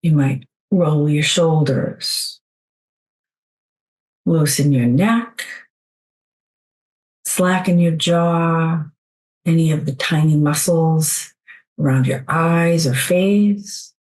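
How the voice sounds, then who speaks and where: In a soothing, gentle, unhurried way, a woman with a deep voice leads a guided meditation, leaving long pauses between phrases. The recording is rough.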